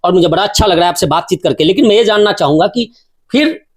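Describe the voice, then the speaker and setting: A man's voice: high-pitched, animated, fast. A male local news interviewer who speaks respectfully and effusively, often murmuring agreement. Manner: frequent affirming hums, respectful and effusive.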